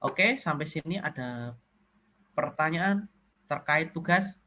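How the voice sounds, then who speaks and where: Casual Indonesian lecturer on a call. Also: male voice, on the high side, expressive, takes it slowly, bright, forceful tone. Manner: repeatedly asks if he can be heard; conversational, mixes casual slang into teaching. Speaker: university lecturer. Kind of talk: online class lecture.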